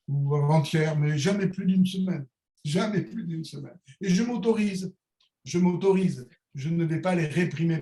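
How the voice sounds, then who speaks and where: A middle-aged man with a Niçois French accent reflects aloud, feeling his way through each idea with pauses, fillers and restarts. His voice sits a little high for a man. The room around him is echoey. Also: dark tone. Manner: searching, hesitant, philosophical, with many fillers and restarts. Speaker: calligrapher, interview guest. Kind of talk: reflective conversational monologue.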